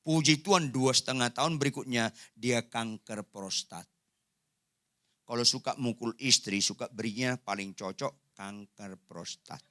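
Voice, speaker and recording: A man's voice: mid-range voice, a little slow. A man preaching a sermon as pastor in a church hall, joking and acting out the people in his stories. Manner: animated joking preacher, acts out voices.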